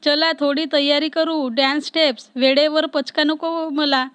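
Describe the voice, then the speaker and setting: A cheerful elder sister who teases the young couples, as a woman reads her out in a storybook tale. Her voice is high and heard dry and close. She sounds amused and bossy in a friendly way. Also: level tone, a little slow, a bit bright, no room sound. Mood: teasing. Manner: laughing, teasing. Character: cheerful teasing older sister.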